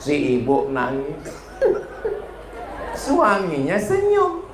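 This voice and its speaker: A man's voice: on the high side, huge pitch swings, very slow, crowd noise. A male preacher giving a humorous religious lecture, telling stories and acting out dialogue with playful jumps in voice. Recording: echoey hall, faint noise.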